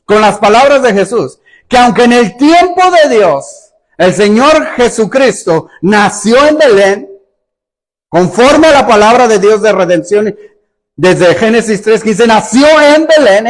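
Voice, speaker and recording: A male pastor preaching a sermon in an emphatic style, acting out sarcastic rhetorical questions. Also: extremely high pitch.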